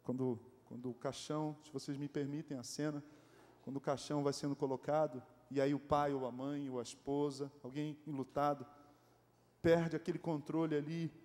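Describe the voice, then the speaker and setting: A Brazilian man preaches a lively sermon with jokes and rhetorical questions. His voice sits fairly high for a man. The church hall leaves a long, echoing reverb behind every phrase. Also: normal speed. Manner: animated, joking, asks the congregation rhetorical questions. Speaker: pastor.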